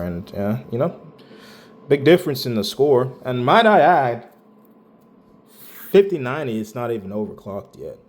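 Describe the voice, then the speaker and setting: A man's voice: fairly low pitch, a little mellow. A man casually walking through his own hardware benchmark results, talking in a loose, rambling way with slang and some swearing. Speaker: tech channel host.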